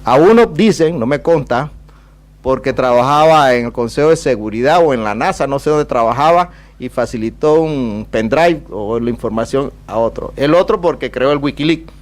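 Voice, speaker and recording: A man's voice: medium pitch, expressive, normal speed. A man with a Panamanian Caribbean Spanish accent speaks as an ambassador at a public talk, in a discursive, rhetorical way with emphatic repetition. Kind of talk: public talk with question and answer.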